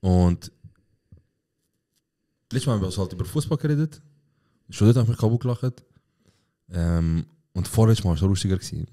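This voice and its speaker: A man co-hosting a casual podcast chat, joking in quick slangy banter. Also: low voice, warm tone. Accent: Swiss German. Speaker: podcast co-host.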